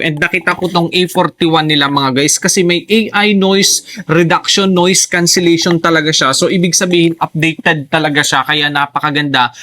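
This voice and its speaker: Excited high-voiced man reviewing a mic. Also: dry recording. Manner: excited, repeats "mga guys" often. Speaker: product reviewer. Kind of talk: enthusiastic unboxing vlog. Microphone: clip-on wireless lapel mic.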